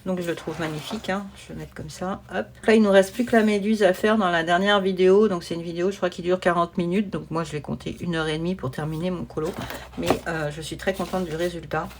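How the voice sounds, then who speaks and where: This hobby vlogger talks fast in a fairly low, fairly even voice, casually showing off her coloring projects from her home desk. The home recording is noisy and has clicks.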